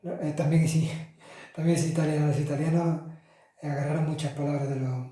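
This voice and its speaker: A man's slightly high, mellow voice stays level and moves at a moderate pace as he teaches Italian articles to Spanish speakers. It's a chatty classroom explanation with fillers and self-corrections, captured far from the mic in an echoey room.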